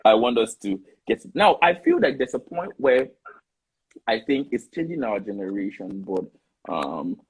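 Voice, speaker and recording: A man hosting a casual live discussion, animated and often restarting his sentences. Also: fairly low pitch, a little slow, breathy edge, poor audio. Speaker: host.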